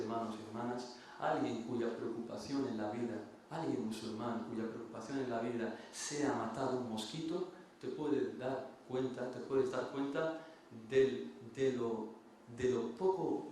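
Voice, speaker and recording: A man's voice: medium pitch, unhurried, a little mellow, a little hiss or hum. A man giving a religious lecture, telling stories earnestly and often repeating or restarting phrases. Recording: very echoey room, mic far off.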